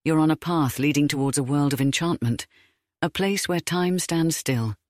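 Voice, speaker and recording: Higher-voiced man, soothing sleep story narrator. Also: no echo, studio quality. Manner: soothing, slow, measured delivery. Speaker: host of a sleep story podcast.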